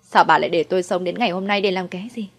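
A woman's voice: on the low side, normal speed, husky, soft background music. A woman voicing a vengeful, bitter young wife. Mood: anguished. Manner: shouting, full of resentment.

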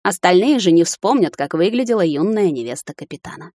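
A woman voicing a cold, imperious middle-aged high witch who speaks calmly and sternly. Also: fairly quick, dry recording, clean studio sound. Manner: calm, stern, commanding.

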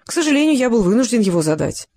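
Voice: mid-range voice, sing-song, racing, darkish tone, no echo, clean studio sound. A reader voicing a persistent polite investigator. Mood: pointed. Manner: courteous but probing.

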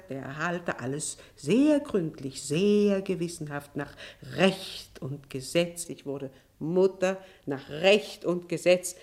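In a German radio drama, an actress with a rather low voice plays a proud, bitter wife and mother who has become estranged from her family. Her delivery is deliberate, theatrical and eloquent.

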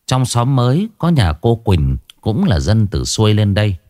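A man with a low voice narrates a ghost story, his pitch swinging widely as he tells it. The sound is dry and close, with no room around it. His delivery stays expressive throughout. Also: moderate pace, no echo. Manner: expressive, rising and falling delivery.

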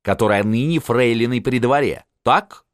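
A man's voice: mid-range voice, moderate pace, no room sound, clean studio sound, pitched above the performer's own voice, close to an everyday voice. A man voicing a scheming, commanding old field marshal who barks his orders, in an audiobook. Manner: barking, domineering.

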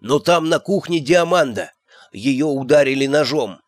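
A man's voice: a little high, expressive, measured pace, no room sound. Timid, weak-voiced young servant lad, read by a man, dry sound. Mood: nervous. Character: nervous young male castle servant.

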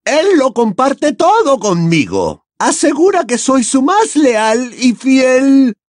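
A man voicing a fanatical, quick-tempered woman in an audiobook, with a high, strained, accusing voice. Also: wildly swooping pitch, dry recording, clean studio sound, heavily acted. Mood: scornful. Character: shrill, scornful adult woman, fanatical and quick to anger. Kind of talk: audiobook character voice.

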